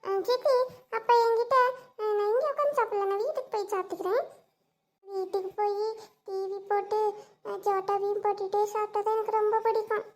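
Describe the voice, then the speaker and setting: A chirpy little girl in a cartoon, voiced by a woman, with a very high, piping voice and a southern Tamil Nadu accent. She chatters eagerly, running her words together. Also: steady tone, fairly quick. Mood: excited chatter.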